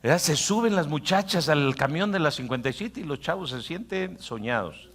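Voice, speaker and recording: A male pastor delivers a sermon in a church. He rises to loud, emphatic lines, then drops to soft, muttered asides. In those asides he puts on the mocking voice of a tempting inner voice. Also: on the high side, animated, normal speed. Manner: acts out the inner voice in quiet mocking tones.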